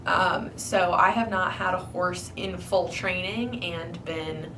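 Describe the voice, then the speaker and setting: A young woman with a slightly low voice, a bit congested and stuffy, talking loosely to camera with frequent ums and likes. She sits a little back from the mic, with faint room noise behind her. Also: slow, far from the mic. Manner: rambling, many ums and likes. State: congested from flu. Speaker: hobby collector vlogger. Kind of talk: casual chat to camera.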